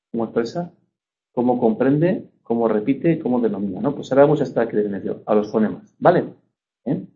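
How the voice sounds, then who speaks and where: A man from Spain teaches a lecture in a relaxed, mellow voice of middle pitch. He explains patiently, with frequent little check-ins to his listeners. The recording sounds dull and lo-fi. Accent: Spanish (Spain). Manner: explanatory, checks understanding with frequent tag questions. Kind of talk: university lecture.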